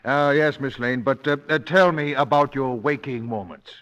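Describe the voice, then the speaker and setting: An actor playing a stuffy, exasperated police commissioner in an old-time radio drama, formal but hesitant and sputtering. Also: male voice, medium pitch, moderate pace, fairly bright tone, smooth, close to an everyday voice. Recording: dull lo-fi old radio recording.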